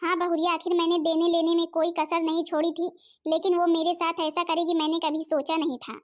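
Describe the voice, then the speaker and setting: A woman's voice: very high voice, little pitch movement, fairly quick. A woman voicing a fretful, self-pitying old mother-in-law in a cartoon, complaining plaintively. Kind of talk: Hindi cartoon voice acting.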